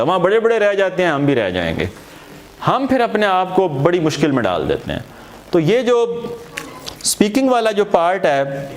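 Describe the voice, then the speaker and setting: A man's voice: high voice, slight background noise. A man giving an earnest, encouraging training lecture to a group of teachers, speaking directly to his listeners.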